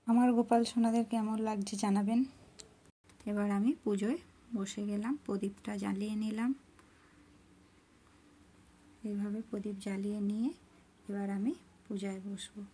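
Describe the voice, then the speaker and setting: A middle-aged woman narrating her cooking and home worship step by step in a soft, homely way. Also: mid-range voice, little pitch movement, moderate pace, slight background noise. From rural Bengal. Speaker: cooking and devotional vlogger.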